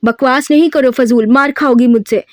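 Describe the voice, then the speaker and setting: A woman's voice: high voice, moderate pace, no echo, studio quality, close to an everyday voice. A woman voicing a hot-tempered, possessive young man in a novel reading. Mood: angry. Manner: forceful, commanding.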